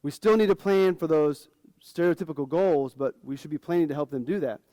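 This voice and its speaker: A man's voice: on the high side, a little fast, warm tone, dry recording. A man in his forties, a financial advisor, giving a casual, frank conference talk to fellow advisors.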